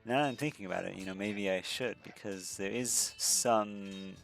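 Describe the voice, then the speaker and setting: A let's-play commentator with a lowish, creaky and slightly bright voice chats about his gameplay at a normal pace. Faint music plays behind him as he rambles, fixes his own words, restarts and fills gaps constantly.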